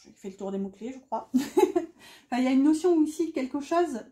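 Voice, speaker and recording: A woman's voice: high voice, lively intonation, fairly quick, mellow. Chatty woman in an echoey room. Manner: chatty, self-mocking, many fillers. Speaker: tarot reader. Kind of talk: casual tarot reading.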